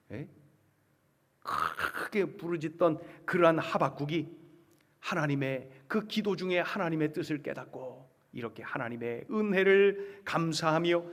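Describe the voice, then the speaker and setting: A male pastor preaching with a high, lifted voice, driving his points home with rhetorical questions. He drops to near whispers, then surges loud again. The words ring out in a long church reverb. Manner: emphatic, rhetorical questions, swings between hushed and loud. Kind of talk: sermon.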